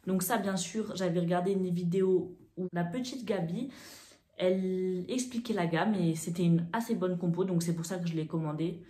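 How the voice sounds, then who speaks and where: A woman's voice: lowish voice, moderate pace. Chatty young woman vlogger, echoey room. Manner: chatty, animated, with fillers. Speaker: beauty vlogger. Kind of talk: casual to-camera storytelling.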